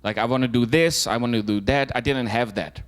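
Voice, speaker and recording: Speaking a little fast in a mid-range voice, a young adult from the Netherlands gives a personal talk to a club as an invited guest. His delivery is casual and full of fillers and false starts.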